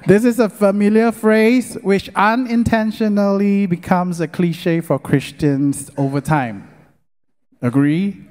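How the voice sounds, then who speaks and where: This middle-aged man's high-pitched voice has a slightly mellow quality as he delivers a sermon-style talk at a church lecture concert. Drawing out key words earnestly, he leads the audience in call-and-response, and the large worship hall gives the recording long reverb.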